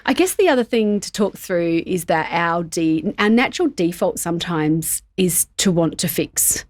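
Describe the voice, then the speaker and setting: A woman's voice: on the low side, lively intonation, moderate pace, a little mellow, dry recording. A middle-aged woman co-hosting a podcast, talking candidly and casually with frequent laughs and restarts. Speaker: podcast co-host. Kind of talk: casual chat.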